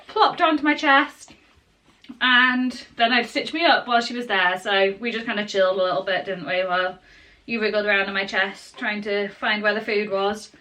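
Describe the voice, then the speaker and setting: A young woman telling her birth story to camera at home in a chatty, casual way, full of fillers and soft asides to the baby in her arms. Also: mid-range voice, fairly even intonation, moderate pace. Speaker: parenting vlogger.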